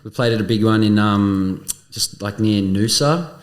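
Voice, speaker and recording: An Australian man with a low voice talks in a loose, rambling way, peppering his stories with swearing. His voice bounces around an echoey room. It is relaxed podcast chat between friends. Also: moderate pace. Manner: swears a lot, rambling storyteller. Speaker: podcast guest, musician.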